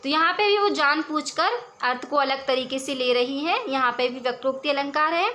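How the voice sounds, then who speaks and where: A woman teaching a lesson on poetry, her voice high and bright. She reads each verse slowly, then explains it in a patient, steady way. Her manner is clear and instructive. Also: a little hiss or hum.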